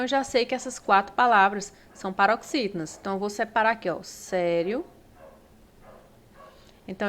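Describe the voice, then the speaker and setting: Woman, Brazilian accent, grammar teacher, exam-prep lesson, patient step-by-step explaining, frequent check-ins, mid pitch. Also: a bit bright, slight background noise. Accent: Brazilian Portuguese.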